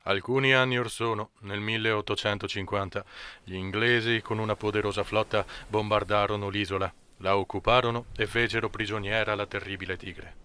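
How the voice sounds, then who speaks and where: A man voicing a gruff, seasoned old sailor in an audiobook, speaking with calm confidence. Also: fairly low pitch, a little fast. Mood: confident.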